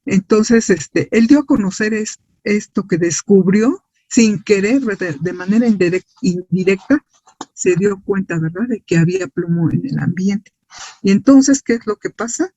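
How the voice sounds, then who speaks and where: With a high voice and a dark tone, this man, a science teacher with a Mexican accent, lectures at an unhurried pace. He asks and answers his own questions and often checks for agreement with tag questions, on a dull, dry, lo-fi recording.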